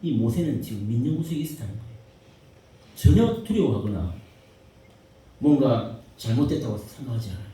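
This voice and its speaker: A man preaching a sermon as pastor, repeating phrases and swinging between hushed lines and shouts. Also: mid-range voice, big pitch swings, fairly quick, pauses often. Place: church sanctuary. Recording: echoey church hall, mic far off, faint hiss.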